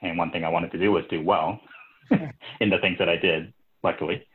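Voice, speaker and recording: Deep-voiced man from Japan, tinny line. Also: steady tone, a little fast. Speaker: podcast guest. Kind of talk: interview answers.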